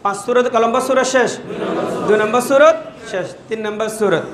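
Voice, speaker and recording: A man teaching a class how to pronounce Quranic words, drawing out each syllable in a sing-song way and having the students repeat after him. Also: extremely high pitch. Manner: slow, drawn-out syllables, sing-song recitation. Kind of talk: teaching a class, call and response. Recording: echoey room, noisy.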